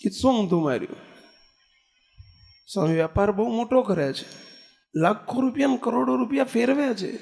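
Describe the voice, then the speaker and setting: A man's voice: very high-pitched, animated, moderate pace, gravelly, pauses often, a little mellow. A man from Gujarat giving a sermon as a swami, asking rhetorical questions and telling stories with quoted dialogue. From Gujarat, India. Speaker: swami preaching a discourse. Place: temple assembly hall.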